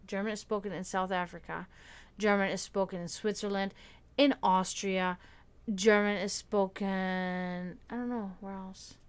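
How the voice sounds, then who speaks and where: A tired woman with a Serbian accent speaks in a steady, smooth, mid-range voice. Hosting a livestream, she chats casually with her viewers, rambling and halting, often restarting sentences and leaning on fillers.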